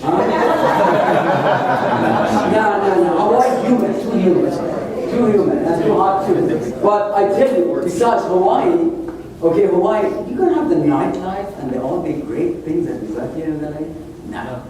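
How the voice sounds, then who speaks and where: A man's voice: sits high, expressive, a little slow, crowd noise. A man hosting a real estate club meeting, chatty and joking with the audience. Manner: chatty, jokey, engages the audience. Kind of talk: seminar talk to an audience. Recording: echoey meeting room, mic at a distance.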